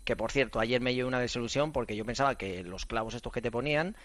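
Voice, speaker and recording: A middle-aged man from Spain, a former athlete and running coach, chatting on a radio show in an animated, storytelling way with lots of fillers and restarts. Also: mid-range voice, fast, no room sound. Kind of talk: casual radio chat.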